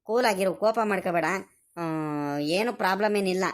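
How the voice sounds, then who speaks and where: A gentle, dutiful young farm lad from a village cartoon, voiced by a woman. He speaks in a mid-pitched voice with a rural Karnataka Kannada accent. He explains himself softly and pleadingly. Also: normal speed, close to an everyday voice. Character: poor young male farm boy and student, gentle and dutiful. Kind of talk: animated cartoon voice acting.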